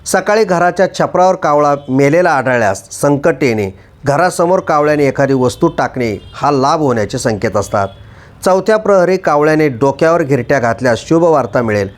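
A man with a fairly high voice reads a scripted voice-over for his channel. He moves steadily through a list of items, one by one. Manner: measured, listing items one by one. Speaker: channel narrator.

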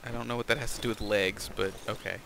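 Bright-voiced man teasing over a horror game. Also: lowish voice, steady tone, fast, creaky. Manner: teasing, swears often, reacts loudly to the game. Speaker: host playing a horror game. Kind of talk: casual let's-play chat.

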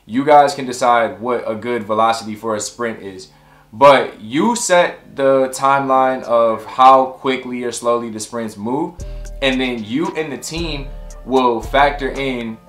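A man in his thirties, a tech career coach, explaining to camera in a relaxed, conversational way from his home office. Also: medium pitch. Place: home office with window, indoors. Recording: roomy echo with faint music.

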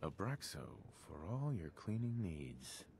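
A man playing a young husband and father with relaxed, wry domestic asides. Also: sits low, slow pace, a little hiss or hum, heavily acted.

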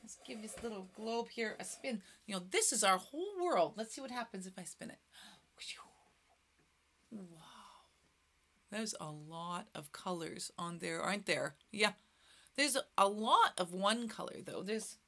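A woman's voice: on the high side, a bit bright. A woman in her thirties teaching a children's music class, speaking playfully and exaggerating for little kids, often dropping into stage whispers.

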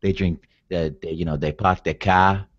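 A man's voice: sits low, fairly even intonation, moderate pace. A man co-hosting a casual wrestling chat podcast, laid-back and swearing freely. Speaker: podcast co-host. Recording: dull, dry lo-fi sound.

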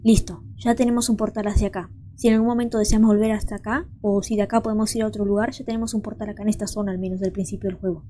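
A woman's voice: medium pitch, level tone, rapid-fire, hardly any pauses, dark tone, a little hiss or hum. A young woman, hosting a let's play and chatting to viewers as she thinks aloud. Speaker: gaming channel host.

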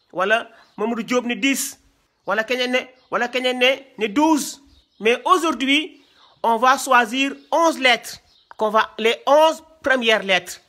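A teacher from Senegal with a strikingly high, bright voice. He speaks very slowly and repeats each point, often checking in with his class. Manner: slow and repetitive, often checks with "hein?". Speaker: Quran teacher. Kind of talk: classroom lesson.

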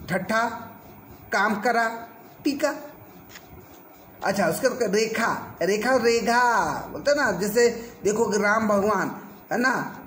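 High-voiced male teacher in an echoey room. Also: slight background noise. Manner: repetitive drilling of words with acted everyday phrases. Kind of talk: classroom lecture. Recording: roomy with faint ambience.

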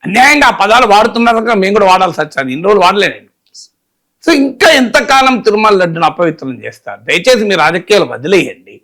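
A man's voice: sits high, sing-song, fast talker, sharp tone. A man giving political commentary, emphatic and full of rhetorical questions. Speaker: political analyst.

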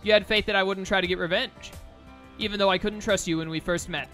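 A man voicing an earnest fox creature from a video game, speaking sincerely and in measured phrases. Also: high-pitched, steady tone, sharp tone, faint music behind. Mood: reflective, grateful. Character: earnest fox creature, once vengeful, now grateful.

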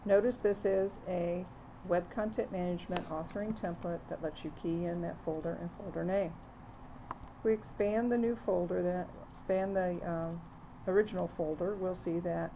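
A woman narrating a screen-recorded software demo, walking through the steps plainly with frequent fillers. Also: lowish voice, fairly even intonation, moderate pace, a little hiss or hum, poor audio. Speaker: software demonstrator.

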